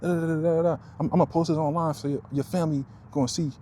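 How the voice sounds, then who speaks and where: Man mimicking a shrill accusing woman. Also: steady tone, quick pace, mellow, a little hiss or hum, natural voice. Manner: high-pitched accusing retort.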